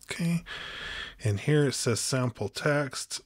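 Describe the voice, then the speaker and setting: A man giving a calm step-by-step software tutorial as host, with frequent ums. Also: medium pitch, slow pace, no echo. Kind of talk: screen-recorded software tutorial.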